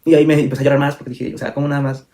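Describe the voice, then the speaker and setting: A man's voice: mid-range voice, level tone, very fast, dark tone. A young man telling a personal story in a candid vlog, full of fillers and self-corrections. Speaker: vlogger.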